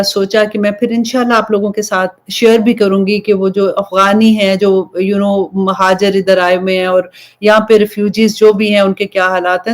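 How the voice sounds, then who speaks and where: A young woman preacher from Pakistan speaks to her listeners in a relaxed, conversational way. She tells a personal story as part of a religious talk and drops English phrases into her speech. Her pitch sits at an ordinary middle level. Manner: conversational storytelling, switching between Urdu and English. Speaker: Islamic preacher.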